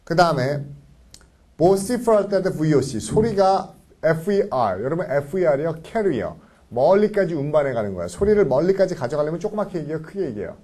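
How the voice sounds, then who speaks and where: Animated, husky-voiced man lecturing a class. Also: a little high, fast. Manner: animated, constantly checks in with the class. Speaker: English vocabulary lecturer.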